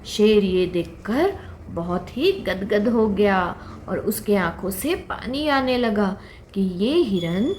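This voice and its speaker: A woman telling a children's puppet story in a slow, expressive way. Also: mid-range voice, a little hiss or hum. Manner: slow, expressive, sing-song. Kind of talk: storytelling for kids.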